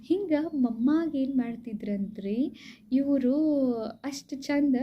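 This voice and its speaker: A woman giving a devotional talk, retelling stories conversationally and addressing listeners warmly with frequent polite asides. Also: on the high side. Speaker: spiritual speaker. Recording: slightly dull recording with faint background hiss.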